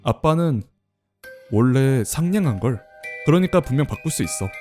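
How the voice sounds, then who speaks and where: A man voicing a gentle young girl devoted to her father, reading game dialogue in a soft, earnest way. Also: mid-range voice, animated, normal speed, soft background music, natural voice.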